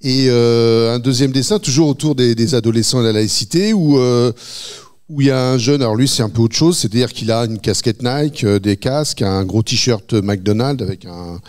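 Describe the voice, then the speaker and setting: A man's voice: medium pitch, moderate pace, a little mellow. A man, a cartoonist, casually explaining his drawings, stumbling over fillers and repeated words.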